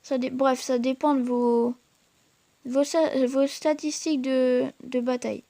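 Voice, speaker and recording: Brief: high-pitched woman host, casual gameplay commentary, hesitant and filler-heavy, talks straight to viewers. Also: fairly even intonation, unhurried, dark tone, no room sound. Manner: hesitant, full of fillers and restarts; chatty, addresses viewers directly. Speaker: gaming channel host.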